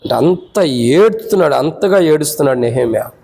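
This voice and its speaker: Male preacher, Telugu accent, fairly high voice, call-and-response teaching, climbs high when emotional. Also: expressive, brisk, creaky, a little mellow, a little hiss or hum, poor audio. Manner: teaching by call-and-response questions, numbered points; rises sharply in pitch when voicing the lament. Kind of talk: church prayer meeting sermon.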